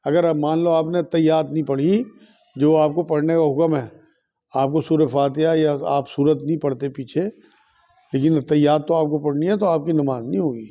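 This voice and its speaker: A man from India speaks as an Islamic scholar in a religious question and answer session. He repeats each question aloud, then gives a firm, steady ruling in a fairly high but mellow voice. The recording sounds dull and lo-fi. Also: moderate pace.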